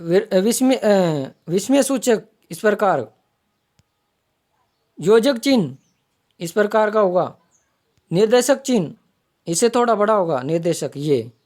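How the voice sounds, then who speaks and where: A woman teaching an online exam-prep grammar class at a middle pitch. She explains step by step, repeats each term as she points to it, and slows down to read out example sentences. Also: darkish tone. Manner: explanatory, repeats terms while pointing them out.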